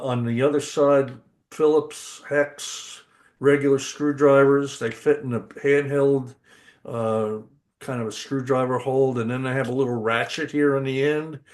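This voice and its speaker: A man's voice: mid-range voice, fairly even intonation, unhurried. An older man co-hosting a podcast, chatting with eager enthusiasm, restarting his sentences often. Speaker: podcast co-host. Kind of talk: casual podcast chat.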